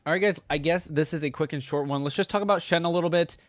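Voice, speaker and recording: A gaming reaction YouTuber hosts in a slightly high voice, talking fast with no echo. He offers casual, informal commentary to viewers, rambling and thinking out loud.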